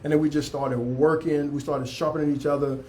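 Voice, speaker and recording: A man's voice: fairly high pitch, level tone, fairly quick, a little mellow, a little hiss or hum. A man hosting a casual interview, affirming his guest and often repeating his words. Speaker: talk show host.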